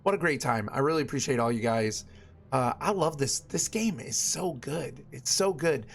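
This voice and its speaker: This man's gravelly, expressive mid-range voice moves at a normal speed as he streams a video game live. He chats casually with viewers and exclaims at little things while game music plays.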